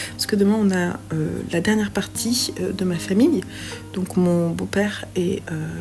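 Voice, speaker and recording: A woman's voice: fairly low pitch, darkish tone. A French woman chatting casually in a reading vlog from home, hesitant and full of fillers. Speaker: book vlogger.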